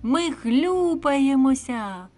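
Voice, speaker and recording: A woman voicing a gang of noisy, playful young forest animals, a squirrel among them, who shout excitedly. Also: fairly high pitch, unhurried, faint music behind. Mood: boisterous.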